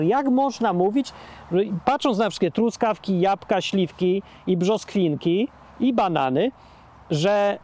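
A high-pitched man holds forth outdoors, rhetorical and indignant. He hesitates and restarts often. Traffic hums faintly behind him. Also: a little mellow. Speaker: vlogger. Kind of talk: casual outdoor monologue.

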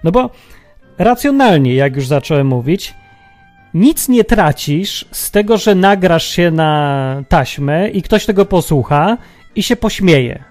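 A man's voice: fairly high pitch, animated, takes it slowly, a little mellow, faint music behind. A man hosting a reflective religious monologue, musing aloud and asking many rhetorical questions. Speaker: podcast host.

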